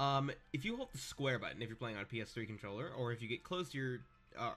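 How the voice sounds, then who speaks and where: Animated young gamer man, sarcastic. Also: mid-range voice. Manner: sarcastic, joking asides, wanders off mid-sentence. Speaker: let's-play gamer. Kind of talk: casual game commentary. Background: faint game music.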